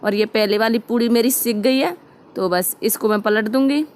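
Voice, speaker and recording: A woman's voice: on the high side, normal speed. A young adult woman chatting homely and directly to viewers as she narrates a casual home vlog. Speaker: vlogger.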